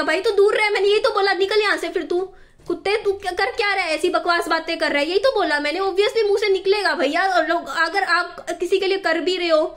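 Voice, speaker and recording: Very high-pitched woman in a heated rant. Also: fairly bright tone. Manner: heated, defensive and repetitive, near tears at times. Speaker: vlogger. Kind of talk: emotional vlog rant.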